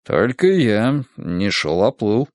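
Man doing a stout middle-aged professor, formal, measured, old-world, dry sound. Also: on the low side, very animated, no echo.

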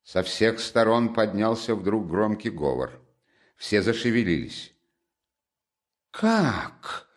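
Low-voiced male audiobook narrator. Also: animated, unhurried. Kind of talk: classic novel reading.

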